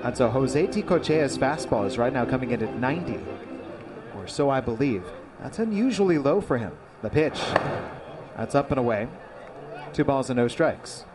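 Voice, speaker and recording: A man's voice: mid-range voice, lively intonation, moderate pace, music in the background. A man calling baseball play-by-play live in clipped phrases from a ballpark. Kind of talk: live sports commentary. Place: outdoor ballpark broadcast position. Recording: live ballpark crowd behind.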